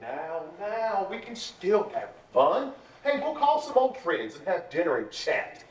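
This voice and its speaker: Jovial forgetful pastor, lively pitch, a bit off mic, echoey. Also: male voice, unhurried, recorded from a distance. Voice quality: apologetic, jovial. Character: forgetful, cheerful male pastor husband. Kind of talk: radio drama acting.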